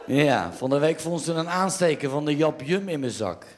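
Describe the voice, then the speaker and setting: A man with a Dutch accent telling stand-up jokes in a lively storytelling manner. His voice sits a little higher than most men's. He jumps up in pitch for quoted lines and drops back for the narration. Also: moderate pace, a crowd in the background. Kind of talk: joke telling.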